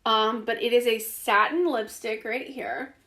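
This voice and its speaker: A woman's voice: fairly high pitch, fairly even intonation, a little slow, fairly bright tone. A woman giving a casual, chatty lipstick review, with fillers and restarts, her voice a bit worn. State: losing her voice. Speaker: beauty vlogger.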